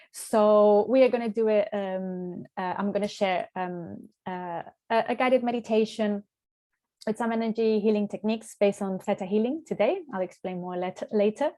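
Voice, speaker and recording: A woman in her early forties leads a live workshop over a video call, with a relaxed, mellow voice that sits at a middling pitch. She talks in a reflective, searching way, often restarting and repeating words as she gathers her thoughts. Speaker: workshop host and spiritual coach. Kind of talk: live online workshop talk.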